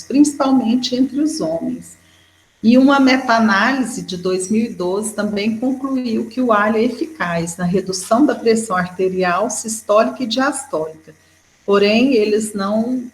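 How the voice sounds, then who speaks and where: A woman with a Brazilian Portuguese accent giving an educational lecture, explaining steadily and often checking in with a quick "né". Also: mid-range voice. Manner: explanatory, with frequent "né" fillers. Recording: echoey room.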